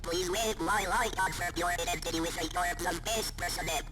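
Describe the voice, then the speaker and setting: Game robot helper, voiced by an actor: polite, procedural, emotionless, mid-pitched, loud music underneath. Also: moderate pace, close to an everyday voice. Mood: flat, procedural. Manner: flat, formal, mechanical phrasing. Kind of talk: game character dialogue.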